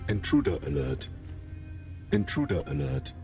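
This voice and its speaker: A man's voice: extremely low pitch, very animated, a little slow, darkish tone, faint music behind, full character voice. A man voicing a stern male security robot that guards a station and answers with rigid, repetitive rule-bound replies in a video game.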